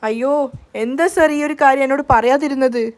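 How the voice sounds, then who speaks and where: A woman's voice: high-pitched, fairly even intonation, fairly quick, lightly acted. A woman voicing an anxious, tender young woman who pleads and frets in a storybook recap. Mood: worried. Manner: pleading, worried.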